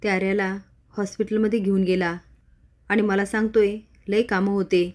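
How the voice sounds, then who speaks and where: A woman's voice: medium pitch, little pitch movement, moderate pace, darkish tone, lightly acted. A woman voicing a hurt, jealous young wife who speaks in a bitter, clipped way.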